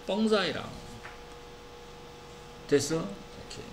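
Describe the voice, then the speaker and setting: A man whose voice sits high teaches an English reading lesson slowly in an academy classroom, with a little hiss or hum audible. He reads English words in a Korean accent, stays lively, and frequently checks in with tag questions.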